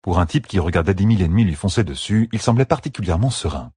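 A man narrating a fantasy battle audiobook with steady, dramatic storytelling. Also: sits low, quick pace, breathy edge, no room sound, clean studio sound.

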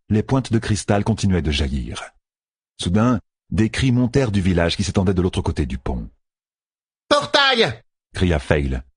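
A man narrating a fantasy audiobook with expressive, dramatic storytelling. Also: low voice, slightly rough, no room sound, studio quality.

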